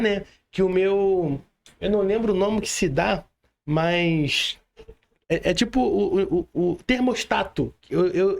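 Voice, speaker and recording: A Brazilian podcast host runs an online interview in informal, slangy speech, frequently tacking on little tag questions. His voice is high-pitched and creaky.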